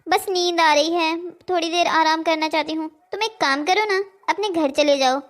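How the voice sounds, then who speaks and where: A woman's voice: very high voice, fairly even intonation, normal speed. A woman voicing a lazy young mistress in a Hindi cartoon story, sulky and scornful.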